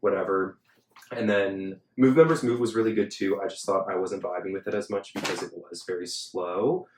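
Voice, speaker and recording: A man's voice: low-pitched, steady tone, moderate pace, a little mellow, a little hiss or hum. Chatty young man, roomy echo. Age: young adult. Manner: filler-heavy, chatty, frequent "like". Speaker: podcast host. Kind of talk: casual chat. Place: Los Angeles.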